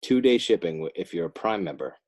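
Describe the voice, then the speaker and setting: Very animated and fast-talking, a deep-voiced American with a darkish tone, an author and illustrator from northern New Jersey, chats casually as a podcast guest. His conversational interview rambles, peppered with jokes at his own expense.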